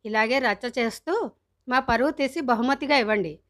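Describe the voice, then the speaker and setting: Storybook mother voiced by a woman, middle-aged, sharp-tongued, loud, sarcastic, scolding. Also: fairly high pitch, moderate pace, natural voice.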